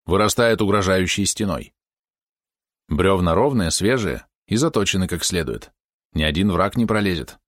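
A man with a lowish voice narrates an audiobook, telling the scripted story in a measured, expressive way. The studio sound is clean, with no room sound.

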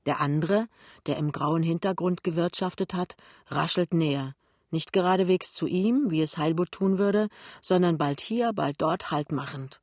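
A man reading a novel aloud in a steady, plain storytelling manner. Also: a little high, normal speed, dry recording, clean studio sound. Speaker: reader. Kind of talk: literary reading.

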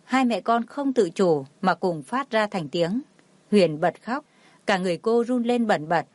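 A woman's voice: medium pitch, animated, measured pace, darkish tone, no room sound. Dry-voiced woman narrating a drama story. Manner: reads all the figures herself, barely changing her voice. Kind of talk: scripted narration.

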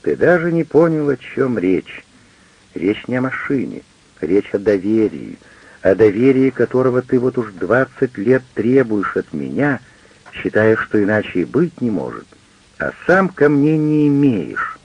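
A man with a gravelly, husky voice voicing an indignant, hurt middle-aged wife who argues with her husband in an audiobook. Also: medium pitch, sing-song, measured pace, no echo, muffled recording, heavily acted. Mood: angry. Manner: reproachful, heated, pleading.

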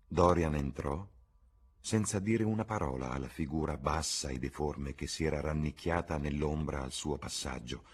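Male audiobook narrator, deep and husky, slow measured literary reading. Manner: slow, measured and dark storytelling. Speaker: audiobook reader.

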